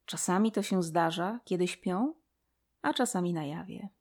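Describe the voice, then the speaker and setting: A woman voicing a wise, gentle female mouse god who speaks softly and patiently. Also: lowish voice, moderate pace, lightly acted. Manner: soft, patient, mysterious.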